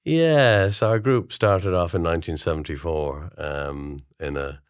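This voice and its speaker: As a guest in a casual interview, this older Irish man from an amateur drama society shares anecdotes in a thoughtful, meandering way and frequently agrees. His low, smooth voice moves a little slowly, recorded in studio quality with no room sound.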